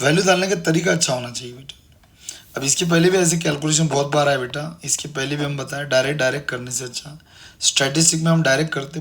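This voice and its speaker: A man's voice: medium pitch, fairly bright tone. A man teaching a math class, repeating steps and coaxing his students along. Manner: repetitive, coaxing, calls students "beta". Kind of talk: online classroom lecture.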